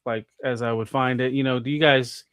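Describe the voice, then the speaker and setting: A man's voice: mid-range voice, fairly even intonation, a little fast, fairly bright tone, clear, resonant tone, dry recording. Rambling American man, dry close sound. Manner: rambling, filler-heavy with many restarts. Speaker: podcast guest. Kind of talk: casual chat.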